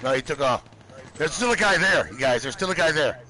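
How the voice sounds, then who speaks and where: A young man in casual gaming voice chat, his voice pitched a bit high and bright, almost sharp. He gets excitable fast and bursts into shouts and swearing. It sounds like a headset mic. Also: a little hiss or hum, rough recording. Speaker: gamer playing with friends.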